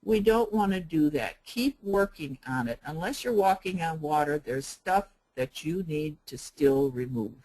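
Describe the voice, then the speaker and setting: Gentle older woman teaching healing. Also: deep voice, animated, poor audio. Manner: gentle, unhurried, repeats and spells out points. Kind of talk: teaching a workshop.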